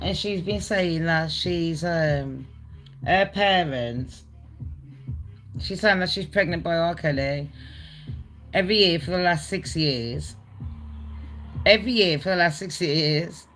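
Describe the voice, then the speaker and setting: A woman's voice: on the low side, slow, pauses often, fairly bright tone, soft background music. Blunt, sweary woman hosting gossip. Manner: blunt, sweary, talks to viewers directly. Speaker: gossip channel host. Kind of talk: casual live commentary.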